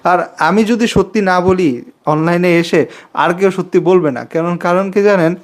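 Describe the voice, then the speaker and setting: A man's voice: high voice, moderate pace. A man in his twenties talking to camera in a casual, confiding vlog, repeating himself and asking viewers to subscribe. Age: 20s. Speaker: vlogger.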